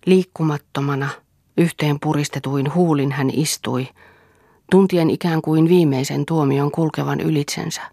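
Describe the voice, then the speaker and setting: Woman audiobook reader, husky voice, dry close sound, measured and expressive. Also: sits low, no echo. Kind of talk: literary audiobook narration.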